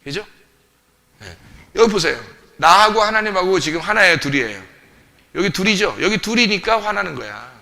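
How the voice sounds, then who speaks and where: A man's voice: high voice, animated, normal speed, creaky, pauses often, pushed and bright. A male pastor preaching a sermon, emphatic and full of rhetorical questions to the congregation, recorded in a church sanctuary. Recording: long reverb of a church hall.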